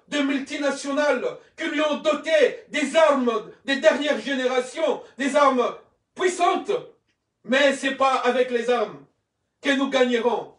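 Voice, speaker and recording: A man from Congo preaching an impassioned sermon as a pastor, fervent and often shouting in repeated declarations. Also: extremely high pitch, echoey room, far from the mic. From Congo (DRC).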